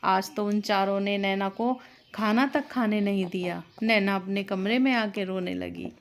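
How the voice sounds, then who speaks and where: A woman narrating a scripted family story in a steady, plain storytelling manner. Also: fairly high pitch.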